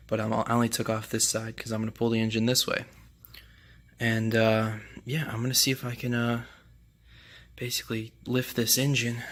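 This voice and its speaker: A young man casually explaining a motorcycle repair in his garage, relaxed and rambling with lots of fillers. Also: mid-range voice. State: out of breath. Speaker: home mechanic. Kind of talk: casual how-to narration. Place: home garage.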